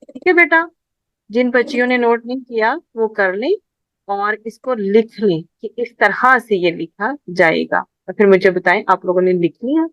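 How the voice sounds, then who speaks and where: A woman teaching an online class, patiently repeating each point slowly for her students. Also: medium pitch, expressive, dry recording, lo-fi sound.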